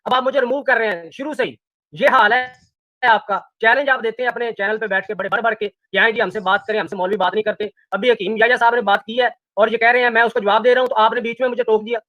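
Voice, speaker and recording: Fast, high-voiced man arguing insistently. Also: fairly even intonation, dry recording, muffled recording. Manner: insistent, argumentative, keeps pressing questions. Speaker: debate guest challenging the hosts. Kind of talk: heated live-stream debate.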